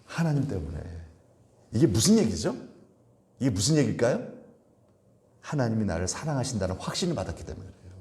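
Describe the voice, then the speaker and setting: A man's voice, on the high side and a little mellow, belongs to a pastor delivering a sermon. He keeps putting questions to the congregation and raises his voice to act out the complaints he quotes.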